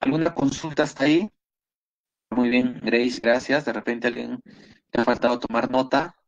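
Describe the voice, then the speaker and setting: A man with a Peruvian Spanish accent leads an online biology review class over a computer microphone. His voice sits at an ordinary middle pitch, and the audio comes through muffled and lo-fi. He keeps up a steady stream of approving feedback to his students. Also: moderate pace. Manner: encouraging, repeats praise often. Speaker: biology teacher.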